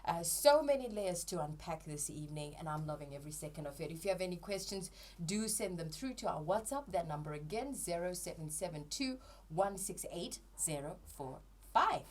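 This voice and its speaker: A woman's voice: on the low side, expressive, a little fast, hardly any pauses. A woman hosting a radio talk show, playful and teasing as she pushes her guest for answers. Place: radio studio.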